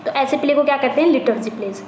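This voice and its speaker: A woman with a high, slightly mellow voice leads an exam-prep lesson, reading each English question slowly and then explaining it in Hindi. She repeats phrases and corrects herself. The room is echoey, with a faint hiss of background noise.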